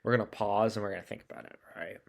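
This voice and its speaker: A man's voice: on the low side, fairly even intonation, rapid-fire, creaky. A man hosting a podcast, talking sports in a casual, enthusiastic way. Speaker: podcast host.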